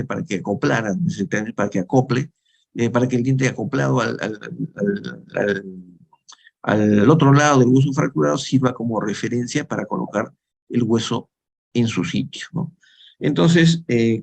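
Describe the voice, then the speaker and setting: A man in his fifties from Peru lectures on dentistry in a relaxed, conversational manner. His voice has a gravelly edge, and he keeps checking in with his listeners as he explains each point. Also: medium pitch. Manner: conversational, frequent tag questions, restarts. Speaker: dental lecturer. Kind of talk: lecture with slides.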